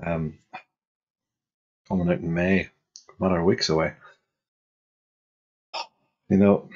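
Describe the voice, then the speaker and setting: A man in his thirties with a husky voice, giving casual reaction commentary as a gaming YouTuber. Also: low voice, lo-fi sound. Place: small bedroom. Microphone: headset.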